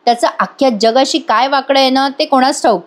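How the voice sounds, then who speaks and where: A woman's voice: sits high, a little fast, lightly acted. A woman reading a worried young man. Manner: anxious, conversational.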